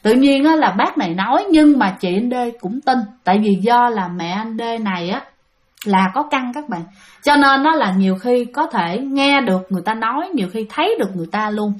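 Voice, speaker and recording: A woman's voice: fairly high pitch, animated, fairly quick. A woman telling a ghost story in a chatty way, often addressing her listeners directly.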